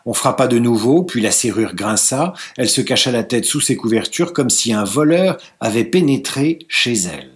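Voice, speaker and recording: A man's voice: mid-range voice, lively intonation, moderate pace, few pauses. Man reading a classic novel aloud. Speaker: reader.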